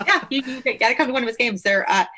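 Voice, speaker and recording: A woman's voice: on the high side, animated, racing, bright, forceful tone, a little hiss or hum. Chatty mother on a podcast. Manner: chatty, laughs often, many fillers. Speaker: podcast host. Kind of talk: casual conversational podcast.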